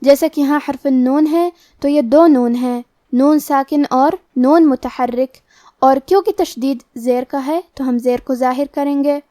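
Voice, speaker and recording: A woman teaching the rules of Quran recitation, explaining each letter slowly and deliberately. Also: high-pitched, mellow, no echo, clean studio sound. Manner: slow, deliberate explanations with recited words drawn out. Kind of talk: tajweed lesson, explaining rules.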